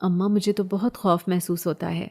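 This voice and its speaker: A woman's voice: fairly low pitch, level tone, a little mellow. A woman voicing a scared but headstrong young village girl, pleading and defiant by turns. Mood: fearful.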